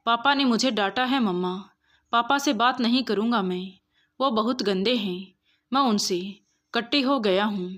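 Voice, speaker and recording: A woman's voice: fairly high pitch, moderate pace, a bit bright, natural voice. A woman voicing a small, stubborn boy who pleads insistently in a storybook reading. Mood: sulky.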